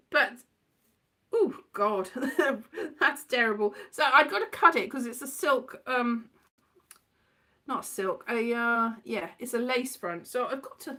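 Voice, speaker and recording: A woman with a high, bright, forceful voice chats in a casual, rambling monologue, scatterbrained, giggly and self-deprecating. She's a performer and host who used to be a journalist.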